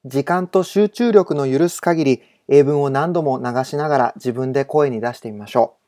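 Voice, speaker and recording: A man teaching English in a recorded home-study lesson, giving polite instructions and reading example sentences slowly and carefully. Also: mid-range voice, dark tone.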